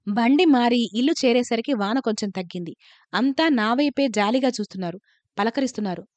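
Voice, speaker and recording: A woman reading a first-person story aloud in a calm, measured narration. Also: a little high, no room sound.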